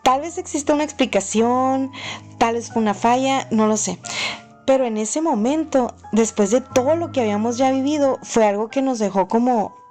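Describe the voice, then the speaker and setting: A woman earnestly narrating her own paranormal story, unhurried and full of fillers. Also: a little high, darkish tone, soft background music. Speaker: channel host.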